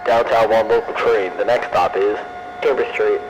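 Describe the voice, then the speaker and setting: A man's pre-recorded transit announcement, played over a subway train's loudspeaker in a measured, formal voice. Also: on the low side, fairly even intonation, a little hiss or hum, poor audio. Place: inside a subway train car.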